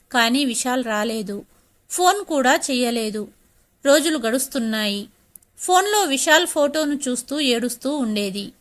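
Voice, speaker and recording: A woman reading a scripted story as narrator, in a steady, clear storytelling manner. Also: high-pitched.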